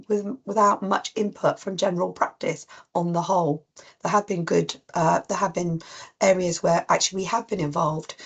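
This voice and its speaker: A woman with a cold, husky and coughing, giving an informal online talk to practice teams with many ums and restarts. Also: medium pitch. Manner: rambling with frequent ums and restarts. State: coughing, voice strained. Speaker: clinical lead presenting to practice teams. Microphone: video call.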